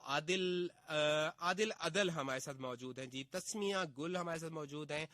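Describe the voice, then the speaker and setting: A male radio host with a Pakistani Urdu accent, reading out listener messages in a casual, friendly way. His voice is bright and forward and sits a little high for a man. The sound is dry and close, like a studio mic. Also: moderate pace, no echo. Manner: friendly, greets listeners by name one after another.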